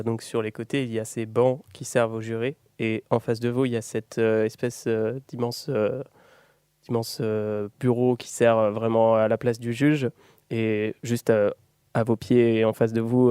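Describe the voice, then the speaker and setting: A man's voice: medium pitch, darkish tone, clean tone, no room sound, studio quality. A man acting as game master, improvising the narration of a tabletop role-playing game in a conversational way.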